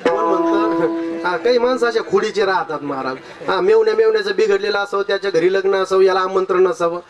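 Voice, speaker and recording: A man's voice: high-pitched, fairly quick, over music. A male kirtan preacher telling a folk parable with humor, speaking directly to his audience. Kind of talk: devotional kirtan sermon with folk storytelling.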